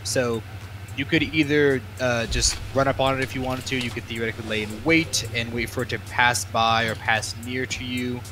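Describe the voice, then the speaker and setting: A man narrating as game master in a casual, halting way, with lots of fillers. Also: mid-range voice, flat delivery, background noise.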